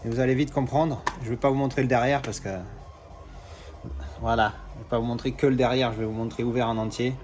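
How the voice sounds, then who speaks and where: A man's voice: medium pitch, little pitch movement, fast talker, a little mellow. A man talks through an unboxing in a loose, chatty way. He hesitates often, restarts his sentences and swears casually as he goes. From Marseille, France. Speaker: collector doing unboxings.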